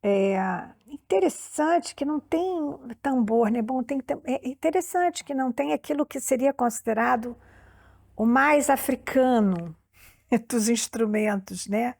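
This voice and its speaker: Gravelly woman reading aloud. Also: sits high, lively intonation, a little slow, darkish tone, no echo, studio quality. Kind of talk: documentary interview.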